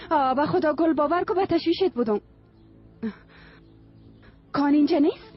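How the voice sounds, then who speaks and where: A woman's voice: high-pitched, close to an everyday voice. An actress playing a worried, bewildered young woman, asking questions in a dubbed TV drama. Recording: dull lo-fi dubbed film audio with music.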